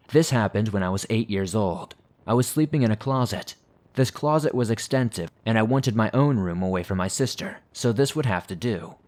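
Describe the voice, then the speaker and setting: A horror podcast host with a fairly low voice reads scary listener stories in a scripted narration. His delivery is steady and measured, keeping the telling even and unhurried.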